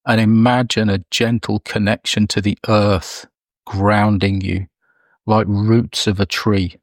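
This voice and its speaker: Slow, low-voiced man guiding meditation. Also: level tone, dry recording, studio quality. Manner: slow, soft, soothing delivery with long pauses. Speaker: meditation guide. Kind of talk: guided meditation.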